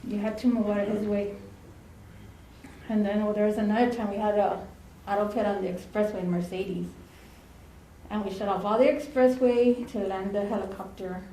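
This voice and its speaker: A woman's voice: mid-range voice, steady tone, moderate pace, long pauses, mellow, a little hiss or hum. A woman telling stories at a eulogy, chatty and dropping Spanish phrases into her English. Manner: chatty, laughing through anecdotes, drops in Spanish phrases. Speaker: former ambulance partner giving a eulogy. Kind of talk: storytelling eulogy. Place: funeral home chapel. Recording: echoey chapel with faint ambience.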